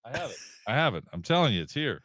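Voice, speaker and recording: A man's voice: medium pitch, very animated, fast, fairly bright tone, no echo, studio quality. A man hosting a casual podcast, talking in a rambling, hesitant way with lots of fillers.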